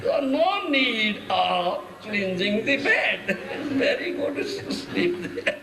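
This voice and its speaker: A man's voice: high-pitched, big pitch swings, slow, creaky. A man with an Odia accent giving a sermon, teasing his listeners with questions and laughter and breaking into sung verses. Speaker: guru giving a lecture. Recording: echoey room with background noise.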